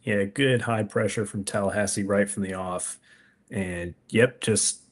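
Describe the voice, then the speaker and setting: A man co-hosts a casual soccer podcast. He breaks down the match in a measured, thoughtful way. His talk is full of easy fillers like "um" and "you know.". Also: lowish voice, steady tone. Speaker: podcast co-host. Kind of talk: casual sports analysis chat.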